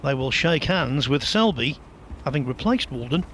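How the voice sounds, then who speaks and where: A man's voice: medium pitch, expressive, moderate pace, fairly bright tone, poor audio. A man giving live commentary on a snooker match. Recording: light background noise.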